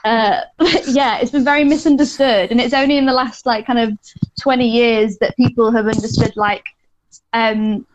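A woman's voice: on the high side, fairly even intonation, moderate pace, lo-fi sound, a little hiss or hum. A woman co-hosting a podcast in casual chat, playful and laughing often as she talks. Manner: giggly, playful, laughs between lines. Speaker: podcast co-host.

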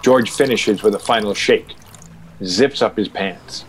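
A man's voice: on the low side, a little slow, a little hiss or hum, poor audio. A man narrating an audio drama in a dramatic, scripted style.

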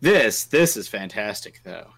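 A man's voice: on the low side, very animated, measured pace, gravelly, a bit bright, breathy edge. A man co-hosting a casual tabletop gaming podcast, telling stories with lots of restarts. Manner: rambling, self-interrupting storyteller. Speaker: podcast co-host. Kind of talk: casual chat.

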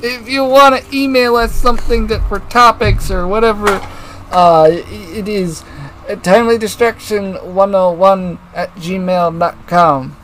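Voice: medium pitch, steady tone, unhurried, fairly bright tone, slight background noise, low-quality recording. A podcast host in casual chat, laughing often and swearing offhandedly while wrapping up the episode.

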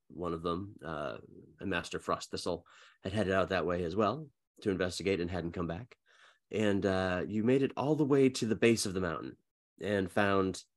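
Deep-voiced male game master, casual. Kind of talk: casual tabletop game narration.

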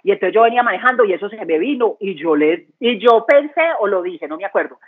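A woman's voice: mid-range voice, lively intonation, quick pace. A woman giving an earnest, conversational church testimony, repeating phrases for emphasis. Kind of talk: testimony talk. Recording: tinny phone-line sound.

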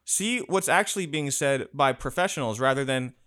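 A man co-hosting a casual chat, talking bluntly with heavy swearing and animated rants. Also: medium pitch, moderate pace.

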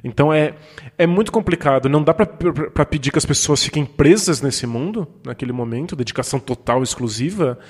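Fairly high-pitched, expressive and slightly rough, this Brazilian-accented podcast co-host talks a little fast. He thinks through ideas in casual discussion with frequent restarts, all in a long-reverb recording.

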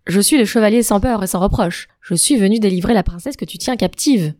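A woman's voice: medium pitch, fairly quick, a little mellow, natural voice. A woman voicing a pompous young male knight who protests emphatically and stammers when thrown. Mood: flustered insistent.

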